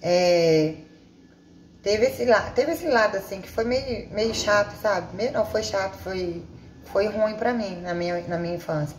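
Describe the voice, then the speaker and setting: A woman's voice: medium pitch, measured pace. A woman from Bahia, Brazil, chatting casually about her own life, rambling and restarting her sentences as she goes. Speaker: vlogger. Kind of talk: casual personal storytelling. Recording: echoey room with faint ambient noise.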